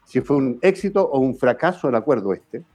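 A man's voice: medium pitch, expressive, fairly quick, dark tone. A man with a Chilean accent hosting a conversational talk show, courteous, feeling out his phrases and adding little check-questions. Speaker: radio host. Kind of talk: conversational political commentary.

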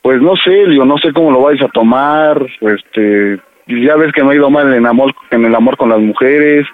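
A man's voice: medium pitch, normal speed, no room sound, narrow, tinny audio. Stammering man pleading on a prank call. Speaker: radio prank caller. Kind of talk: prank call, playing a nervous son. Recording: radio broadcast with music behind.

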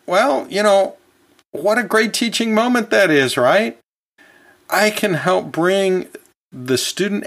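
This educational podcast is led by a man with a fairly bright voice on the high side, an anatomy and physiology teacher who sounds like a talkative instructor. He keeps things folksy and conversational, chuckling often and slipping in casual, self-correcting asides.

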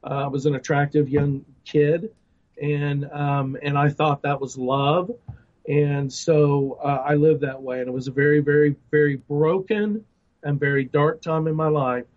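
A man's voice: a little high, fairly even intonation, unhurried. A middle-aged man giving his personal testimony in an interview, earnest, with many restarts and fillers. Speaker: guest ministry director. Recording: dull lo-fi sound.

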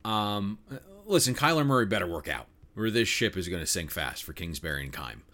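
On a sports betting podcast, a male co-host offers strong opinions in a loose, rambling way packed with fillers. He speaks a little fast in a low, sing-song voice with a sharp tone.

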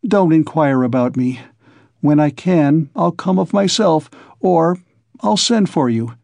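A man's voice: fairly high pitch, lively intonation, a little slow, gravelly, a little mellow, dry recording. A man voicing a tormented young man, feverish and resolute, who talks in tense, clipped pleas.

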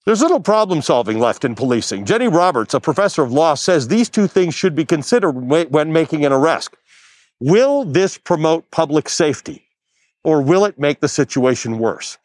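A man's voice: fairly high pitch, very animated, normal speed, darkish tone, no room sound, clean studio sound. A man hosting a news program, delivering pointed commentary and then interviewing a guest, with emphatic, persuasive delivery. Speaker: news host. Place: outdoors near a courthouse.

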